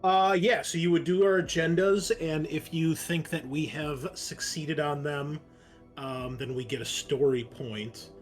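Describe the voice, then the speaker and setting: A man with a slightly high voice and fairly even intonation plays a tabletop roleplaying game, chatting casually at a measured pace. He is wry and joking and readily explains the rules. Faint music sits under his voice in the background.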